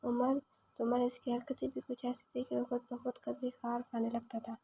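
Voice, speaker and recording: A woman reads a romance novel aloud in a steady, even voice. Her tone is gravelly and low-key, with the pitch held almost level. The sound is mellow rather than bright. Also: moderate pace, low-quality recording. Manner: flat, even read-aloud delivery. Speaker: narrator.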